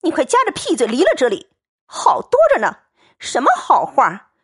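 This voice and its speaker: A woman's voice: on the high side, big pitch swings, moderate pace, slightly rough. Woman doing Yuanyang, a fierce defiant young maid. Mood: furious. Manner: sharp, scolding.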